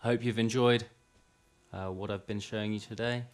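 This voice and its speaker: A man explains music production software step by step in an informal, somewhat hesitant tutorial as drum and music playback runs behind him. He speaks at a moderate pace in a fairly low, steady voice.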